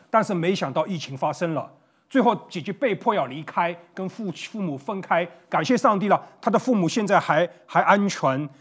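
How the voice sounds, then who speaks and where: High-voiced earnest preacher man. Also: fairly bright tone, husky. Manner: earnest, conversational, with restarts. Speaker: pastor. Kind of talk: online sermon. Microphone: facing a camera.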